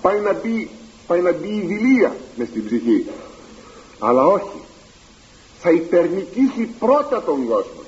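High, animated male preacher. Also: long pauses, slight background noise. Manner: dramatic, with rhetorical questions; formal, old-fashioned church diction. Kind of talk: sermon. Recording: dull lo-fi recording.

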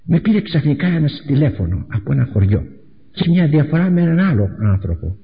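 A man preaching a sermon with a dramatic delivery, repeating phrases and swinging between loud outbursts and hushed asides. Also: a little high, sing-song. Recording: echoey hall, dull lo-fi recording.

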